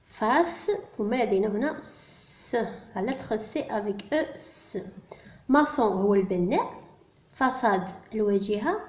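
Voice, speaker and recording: A woman teaching a primary-school French lesson, explaining in Arabic and sounding out each French word slowly and carefully for children. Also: a little high, darkish tone. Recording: dull lo-fi recording.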